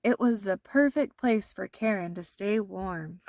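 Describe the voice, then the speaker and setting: With a medium-pitched voice, a woman reads a children's picture book aloud in an expressive, carefully paced storytelling manner, captured in a dry recording.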